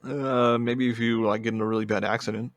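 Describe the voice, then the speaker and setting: A man's voice: medium pitch, flat delivery, a little fast, dry recording. A man co-hosting a casual animation podcast, laid-back, laughing often and rambling through asides. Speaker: podcast co-host. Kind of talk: casual chat.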